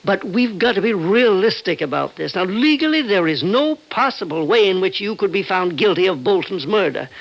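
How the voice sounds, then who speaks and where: In a vintage radio play, an older male doctor and confidant speaks with concern, his fairly high voice gravelly and a bit bright, with big pitch swings. He reasons earnestly and reassuringly in a measured, halting way, trying to persuade, in heavily acted old-time drama style. The recording is dull and old.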